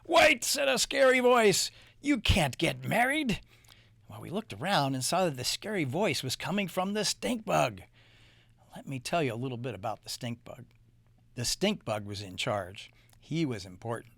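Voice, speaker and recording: A man's voice: medium pitch, moderate pace, gravelly, no room sound. Playful man reading a children's story. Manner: animated, playful. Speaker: storybook reader.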